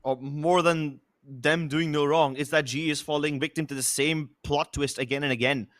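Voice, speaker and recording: A man's voice: fairly high pitch, fairly even intonation, normal speed, a bit bright. A man esports caster giving live commentary and analysis with a theatrical, emphatic delivery.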